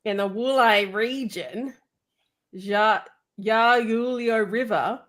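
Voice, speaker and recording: A woman's voice: fairly high pitch, very slow, a bit bright. A woman hosting a casual online recap chat, chatty and self-deprecating, sometimes losing her place. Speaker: podcast host. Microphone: video call.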